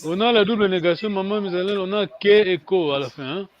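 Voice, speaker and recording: High-pitched guy teaching over a call, slow and patient, lots of ums, dull muffled sound. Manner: patient, hesitant, many pauses and fillers. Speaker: language teacher. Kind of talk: online language lesson. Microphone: video call.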